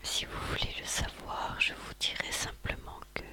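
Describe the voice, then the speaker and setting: Someone speaking in a soft ASMR library whisper, recounting things as a host in a halting way with pauses. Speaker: ASMR video host recounting favourite books and films.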